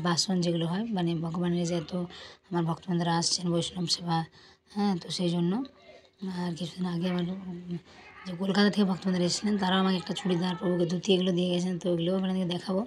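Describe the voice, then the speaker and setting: A woman with a hoarse voice from a cold, earnestly narrating a devotional vlog and addressing viewers as friends. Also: on the low side, darkish tone, slight background noise. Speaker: vlog host, pilgrimage guide.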